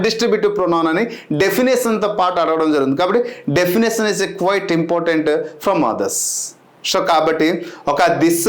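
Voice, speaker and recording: A man who coaches for exams, giving a rousing talk and then listing English grammar topics. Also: high voice. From Andhra Pradesh, India. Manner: rousing, mixes English terms into lists. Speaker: exam coach, English teacher. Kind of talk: motivational lecture and exam lesson. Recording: echoey room.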